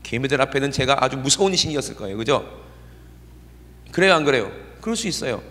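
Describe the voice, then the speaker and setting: A man's voice: medium pitch, animated, quick pace, a bit bright. A middle-aged man preaching a sermon in a conversational way, often checking in with his congregation. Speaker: pastor. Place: church sanctuary. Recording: long church reverb.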